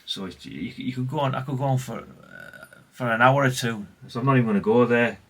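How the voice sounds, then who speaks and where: A vlogger shows off vintage CB radios, chatting casually and rambling in unscripted talk. His voice is medium in pitch and a little fast.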